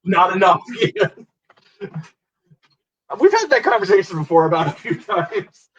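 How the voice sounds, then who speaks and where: Heard through a laptop on a distorted internet call, a man hosts a rambling, laugh-filled watch-along chat for his podcast. His high voice is sing-song, fairly bright and slightly rough, delivered at a measured pace in a muffled recording.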